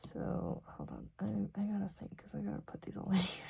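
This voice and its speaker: This planner vlogger, a young woman from rural South Dakota, speaks at medium pitch, very animated and a little fast, with a warm tone, a breathy edge and vocal fry. She rambles informally as she works on her planner, poking fun at herself and now and then murmuring under her breath.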